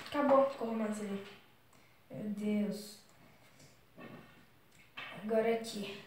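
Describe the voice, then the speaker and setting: A woman's voice: on the high side, darkish tone, distant mic. Chatty young woman in an echoey room. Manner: chatty, exclaims a lot, keeps saying "galera". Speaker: vlogger. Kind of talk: casual vlog, reading out messages. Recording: very echoey room, voice off-mic, faint noise.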